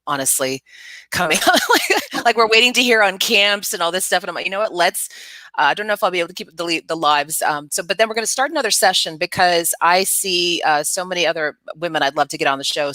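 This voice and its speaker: A middle-aged woman hosts a live online interview show, upbeat and chatty and laughing often. Her voice sits low but sounds bright, with a forceful tone, and the recording is dry.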